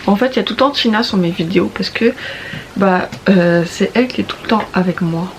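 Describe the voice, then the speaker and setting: A young woman from around Paris chats to camera at home with a sore throat, wandering off mid-sentence and restarting often. Her voice sits at an ordinary pitch and sounds distant from the mic. The room rings with echo under a faint background hum. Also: brisk. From Paris region, France. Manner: rambling, hesitant, many restarts and fillers. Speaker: vlogger. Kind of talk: casual morning chat to camera. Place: at home, indoors.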